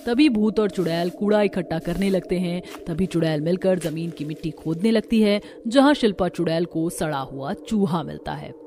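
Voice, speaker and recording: A woman's voice: lowish voice, moderate pace, few pauses, mellow, slight background noise. Woman narrating a horror cartoon. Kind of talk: scripted storytelling narration.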